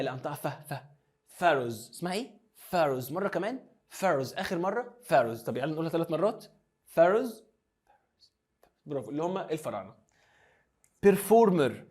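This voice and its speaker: A man's voice: high voice, darkish tone. A young man with an Egyptian Arabic accent teaching English vocabulary, mixing Arabic and English and drilling pronunciation. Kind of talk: classroom lesson explanation.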